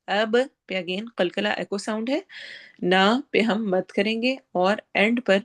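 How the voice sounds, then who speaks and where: Female recitation teacher, brisk instructive delivery, mid pitch. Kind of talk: tajweed lesson.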